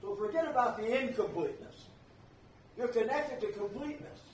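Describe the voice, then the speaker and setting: Older guy preaching, high voice, real echoey and distant from the mic. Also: animated, brisk, slight background noise. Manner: emphatic, repeats key phrases. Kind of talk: sermon. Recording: echoey room, voice from far off.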